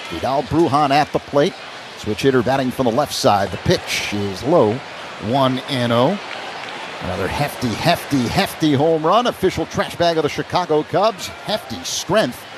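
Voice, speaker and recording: An American play-by-play announcer calls a baseball game live on the radio, his medium-pitched voice animated but a touch slow. He tracks the action in clipped phrases, with ballpark crowd noise running behind the broadcast.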